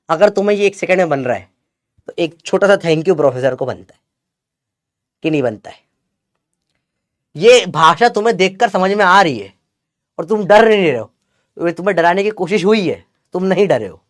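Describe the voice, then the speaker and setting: A young man lectures students on physics in a chatty, teasing way, tossing in slang. His voice sits a little high, and it is heard close and dry. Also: animated, normal speed, long pauses, no echo. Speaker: physics teacher. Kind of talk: classroom lecture with Gen Z slang.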